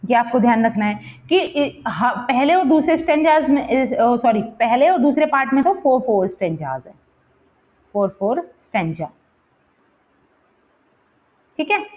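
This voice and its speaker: A woman's voice: high voice, very animated, moderate pace, muffled recording. A woman teacher explaining a poem for exam preparation, mixing English terms into her talk and checking in often with her students. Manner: counts and repeats words aloud while pointing to the text. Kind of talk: exam-prep literature lesson.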